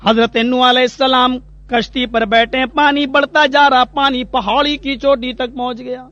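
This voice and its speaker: A man, swinging from hushed asides to impassioned cries. The recording is dull and lo-fi, with a dry, close sound. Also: very high-pitched, fairly even intonation, no echo. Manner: dramatic, rising to impassioned cries when quoting prayers. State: unwell, asks for warm water. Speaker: Islamic preacher. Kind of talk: fiery sermon.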